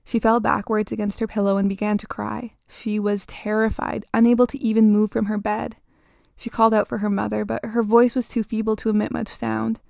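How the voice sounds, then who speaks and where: Woman storyteller reading horror, gravelly fry, dark tone, measured delivery. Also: medium pitch, no echo, clean studio sound. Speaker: storyteller, podcast host. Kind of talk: scripted spooky story narration.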